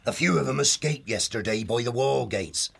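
Man doing a husky young abbey creature. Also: medium pitch, lively intonation, moderate pace, a bit bright, voice pushed up, full character voice. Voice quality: husky, gravelly. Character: young male abbey creature, plain-spoken.

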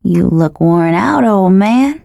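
A woman voicing a soft, sadistic boy godling. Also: mid-range voice, animated, slow, creaky, no echo, studio quality. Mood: smug mocking. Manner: soft, smug, mocking. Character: cruel young boy godling, gleeful, sadistic. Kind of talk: audiobook character voice.

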